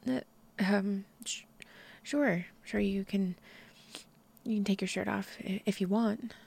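Husky whispering young woman, slow and low. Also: steady tone. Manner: soft, breathy whispering with shy giggles and halting restarts. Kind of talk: intimate whispered audio roleplay. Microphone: close microphone.

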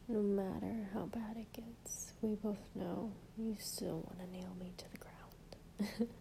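Slow, hushed woman in whispered role-play. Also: medium pitch, slight background noise, low-quality recording. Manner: intimate, tender, hushed, breathy murmur as if to someone lying in her lap. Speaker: intimate partner reading poetry aloud to the listener.

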